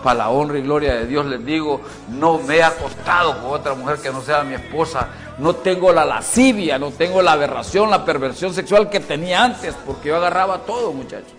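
A middle-aged man giving a personal testimony at a men's church event, swinging from loud outbursts to hushed confession. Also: a little high, a little fast, hardly any pauses, soft background music.

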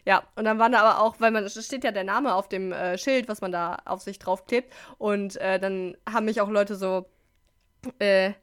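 A woman's voice: mid-range voice, steady tone, normal speed, a bit bright, clean tone. A young woman in casual chat, telling a long story with lots of fillers and acted-out quotes. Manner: chatty storyteller, many fillers, acts out quotes.

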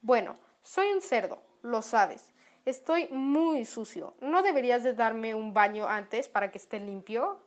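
A woman voicing a small, scared but clever male piglet in a storybook reading, with high squealing pleas. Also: a little slow, lo-fi sound, close to an everyday voice. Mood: coaxing.

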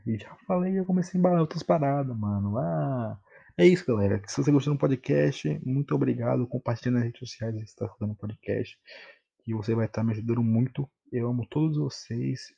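A man's voice: mid-range voice, vocal fry, mellow, slightly rough, highs cut off. A young Brazilian man from Bahia rambling casually as a solo podcast host, in heavy informal street slang with some swearing. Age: young adult.

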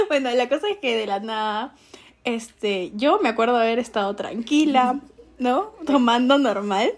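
A woman's voice: a little high, expressive, slow, pauses often. A young woman with a Peruvian Spanish accent, telling a story in casual chat and laughing often.

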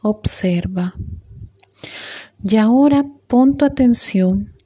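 A woman leading a guided meditation in a soft, calm voice with long pauses. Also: medium pitch, husky.

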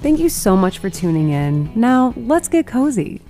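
A woman's voice: fairly high pitch, sing-song, measured pace, warm tone, soft background music. A young woman with an American Midwestern accent and a wheezy laugh, co-hosting a podcast in a casual, playful, chatty way. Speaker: podcast co-host.

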